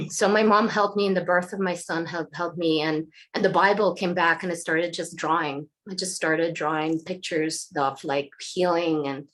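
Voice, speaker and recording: A woman from Eastern Europe telling her story frankly as an interview guest, halting, losing her voice and clearing her throat. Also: on the low side, fairly even intonation, a bit bright. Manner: frank, halting, many restarts. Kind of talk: candid personal storytelling.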